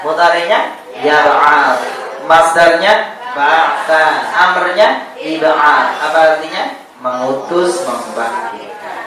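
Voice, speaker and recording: A man teaches adult students in a classroom, quizzing them and voicing Arabic words with force. He sounds distant from the microphone in a very echoey room, with the class audible around him. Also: high voice. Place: classroom or hall with an audience.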